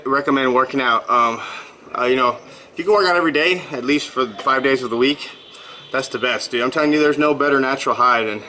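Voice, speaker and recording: A rough recording captures a man in his thirties vlogging casually after his workout. He's a blogger whose mid-range voice comes across pushed and bright, rambling cheerfully with plenty of fillers.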